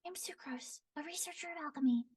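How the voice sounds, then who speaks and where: A woman voicing a shy, nervous young alchemist who speaks quickly in an airy voice and blurs her words. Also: high-pitched, a little mellow, far from the mic, pitched above the performer's own voice, close to an everyday voice.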